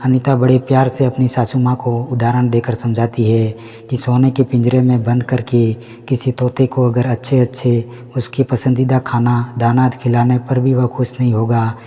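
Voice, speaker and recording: Guy reading a moral story, super flat monotone, echoey room. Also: mid-range voice, moderate pace. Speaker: narrator. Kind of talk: storybook narration.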